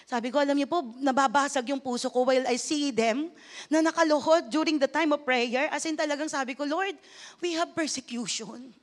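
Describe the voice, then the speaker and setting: A woman pastor delivers a sermon in a high voice, mixing English phrases into her preaching. She calls for amens and applause from the congregation. She rises to loud exclamations and drops to hushed, low lines. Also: fairly even intonation, fairly quick.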